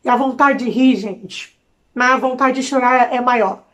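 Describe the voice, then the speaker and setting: A young woman from Brazil chats to camera in a high, bright-pitched voice, with a Brazilian Portuguese accent. She is expressive and talkative, dropping slangy asides as she goes. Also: normal speed. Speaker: vlogger. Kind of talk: casual chat to camera.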